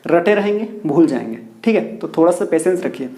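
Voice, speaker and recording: A male teacher leads a classroom pronunciation lesson, asking questions, answering them himself and repeating the key words. His voice is on the high side, brisk and dark in tone, with lively intonation. The room has a noticeable echo.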